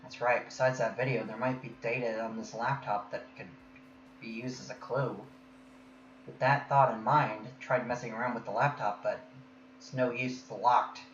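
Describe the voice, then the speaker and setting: A man's voice: medium pitch, fairly even intonation, moderate pace, fairly bright tone. A man reading the main character's lines and narration aloud during a casual group game session, laughing between lines. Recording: echoey, muffled audio with faint noise.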